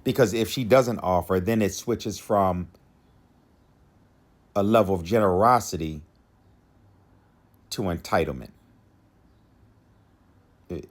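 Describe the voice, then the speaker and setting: A man hosting a podcast, giving dating advice in a casual monologue, repeating his key lines for emphasis and chuckling to himself. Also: low voice. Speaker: podcast host.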